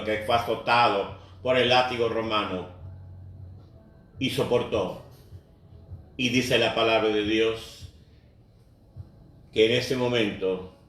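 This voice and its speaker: A man's voice: lowish voice, fairly bright tone. A man preaching a sermon, earnestly repeating phrases and speaking directly to the congregation. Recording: very echoey, voice far from the mic.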